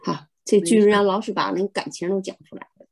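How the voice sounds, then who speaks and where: A woman's voice: medium pitch, steady tone, fast talker, gravelly, darkish tone, breathy edge. A woman student politely asking her teacher about reading a sentence aloud. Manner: polite, eager.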